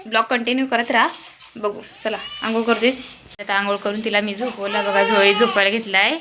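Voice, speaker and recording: A woman's voice: medium pitch, flat delivery, fairly quick, background noise. A young woman, a mother from Maharashtra, chatting casually to viewers in a family home vlog, often cooing to her baby. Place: home, indoors.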